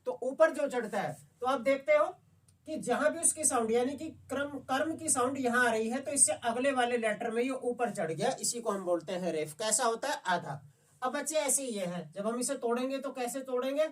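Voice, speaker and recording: A woman's voice: a little high, a little fast. Patient woman teacher, distant mic. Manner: patient, repeatedly checks if students understood. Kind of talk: classroom lesson.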